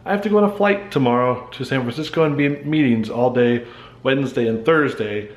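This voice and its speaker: A man's voice: medium pitch, brisk. Casual American man vlogging. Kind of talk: casual vlog narration.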